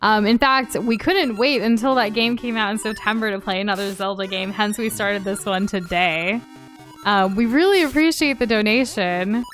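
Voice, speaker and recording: A woman's voice: medium pitch, moderate pace, a bit bright, faint music behind. A woman co-hosting a video game stream, chatting casually as she plays and responds to viewers. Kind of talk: casual chat during a game playthrough.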